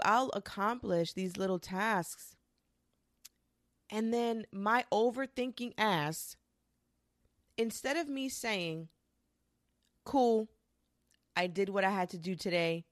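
A woman in her twenties talking casually and candidly to the camera, swearing freely and rushing through quick bursts. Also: medium pitch, dry recording, studio quality. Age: 20s. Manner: candid and profane, with frequent restarts and quick bursts. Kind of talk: casual confessional monologue.

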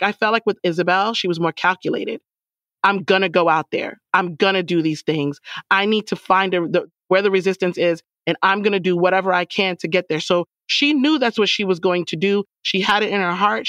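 A woman's voice: on the low side, dry recording. A woman in a casual book club discussion, retelling scenes and acting out the characters' lines with feeling. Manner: animated, acts out characters' lines while retelling.

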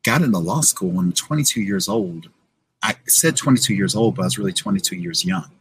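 An American man in his forties, appearing as an interview guest, tells his story casually and often checks in with the listener. His husky voice is low-pitched and animated, and he talks fairly quickly.

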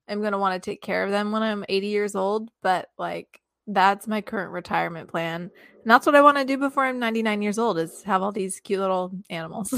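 A woman co-hosts a podcast in casual, upbeat chat and drops playful asides as she goes. Her voice sits at an ordinary pitch. The sound is dry and close, with no room around it. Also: a bit bright, no echo. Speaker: podcast co-host.

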